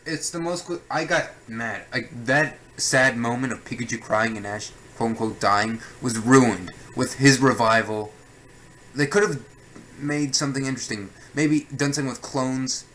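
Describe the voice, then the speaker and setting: A man's voice: medium pitch, normal speed, a bit bright, a little hiss or hum, poor audio. A young man reviewing a film with a co-host, ranting in a sarcastic, exasperated way. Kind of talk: casual review chat.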